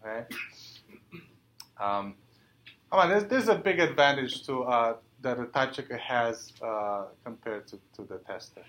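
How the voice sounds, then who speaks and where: A man giving a university lecture, halting with many fillers and putting questions to the class. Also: mid-range voice, lively intonation, fairly bright tone, slight background noise. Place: lecture hall. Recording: echoey lecture hall.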